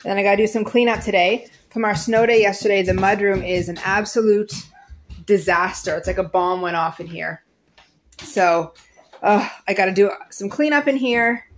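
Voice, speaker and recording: A woman in her thirties from Nova Scotia, Canada, narrates a casual vlog of her homeschooling and homemaking day in a chatty, easygoing way. Her voice is medium-pitched at a normal pace, with a little hiss or hum on the recording.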